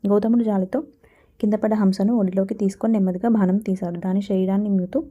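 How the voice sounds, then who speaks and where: A woman's voice: mid-range voice, steady tone, fast talker, dark tone, lo-fi sound. A woman explaining a school textbook lesson, asking questions and answering them herself. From Telangana. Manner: asks and answers her own questions. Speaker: teacher.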